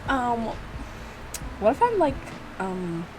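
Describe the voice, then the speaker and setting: A woman video creator reacts casually to her own visual novel, giggling and mocking herself as she reads bits aloud. Her voice is on the high side with wildly swooping pitch and a slow pace, and music plays behind it along with background noise.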